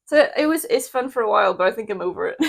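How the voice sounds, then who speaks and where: A woman's voice: a little high, expressive, fairly quick, creaky, husky. A Welsh woman co-hosting a casual wrestling reaction chat, recapping matches with plenty of ums and laughs. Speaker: co-host.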